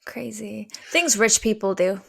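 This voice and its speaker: A woman's voice: mid-range voice, unhurried, creaky, fairly bright tone. A woman co-hosting a podcast in casual chat, mostly reacting with short interjections. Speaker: podcast co-host.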